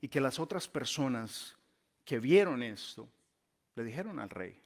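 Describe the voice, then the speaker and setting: Telling his sermon like a story, this male pastor speaks unhurriedly with big pitch swings around an ordinary middle male pitch. Key words get stretched for stress, and the ends of his phrases soften and fade.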